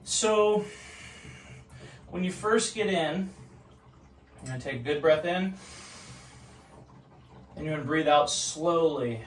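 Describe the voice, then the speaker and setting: A man's voice: fairly high pitch, slow, long pauses, recorded from a distance. A man talking casually and instructively to the camera while sitting in ice cold water in a home bathtub. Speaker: vlogger demonstrating ice baths. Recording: echoey bathroom, off-mic, water noise.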